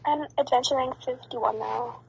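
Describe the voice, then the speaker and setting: A woman's voice: high voice, steady tone, normal speed, creaky, slight background noise, poor audio. A woman chatting casually in a voice chat, heard through a phone speaker. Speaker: voice chat participant.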